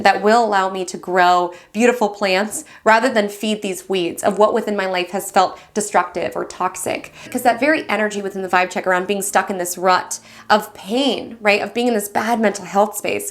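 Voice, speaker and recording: Fast-talking encouraging astrology host, woman. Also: mid-range voice. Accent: West Coast American. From United States. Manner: fast, excited, affectionate and encouraging. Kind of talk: weekly horoscope monologue.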